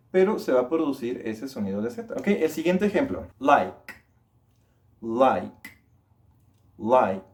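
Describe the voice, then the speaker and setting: A male English teacher walks learners through pronunciation. He explains each sound in a patient, even tone, then says the example words slowly and repeats them for practice. His voice sits at a medium pitch. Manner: slow, drawn-out model words repeated for practice.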